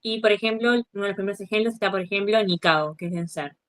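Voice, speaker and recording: A woman, a student on a video call, briefly explains shared course material in a quick, offhand way. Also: mid-range voice, no echo. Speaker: student sharing a screen. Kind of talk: casual explanation.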